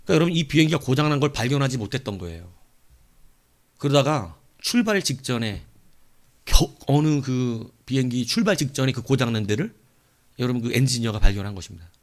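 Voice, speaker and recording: Animated male pastor preaching a sermon. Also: mid-range voice, brisk. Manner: animated storytelling, swinging between loud outbursts and soft asides.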